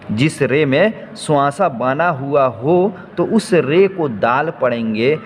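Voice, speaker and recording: A man teaching how to write and read Urdu letters, explaining step by step and repeating each point patiently. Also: medium pitch. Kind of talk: slow step-by-step lesson. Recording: faint noise, long hall reverb.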